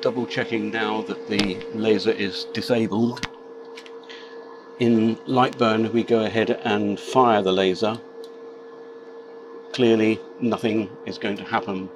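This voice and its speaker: A man with a low voice presents a practical tutorial step by step. His delivery is measured and matter-of-fact. Clear noise from a running machine sits behind his voice. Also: little pitch movement. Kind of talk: step-by-step demonstration narration. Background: laser cutter machine noise.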